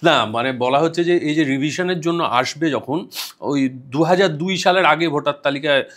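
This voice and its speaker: Bengali podcast host asking easygoing questions. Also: male voice, fairly high pitch, moderate pace. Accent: Kolkata Bengali. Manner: brief prompts and steady listening murmurs. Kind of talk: casual podcast interview.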